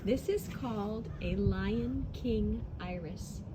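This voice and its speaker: A woman's voice: mid-range voice, slow, background noise. A woman giving a casual, chatty garden tour, talking with enthusiastic affection about and to her plants outdoors. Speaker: garden vlogger.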